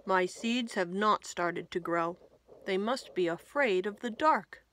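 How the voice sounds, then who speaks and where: A woman voicing an earnest, anxious male toad from a children's story, in a loud, emphatic manner. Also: medium pitch, takes it slowly, a little hiss or hum. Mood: frustrated.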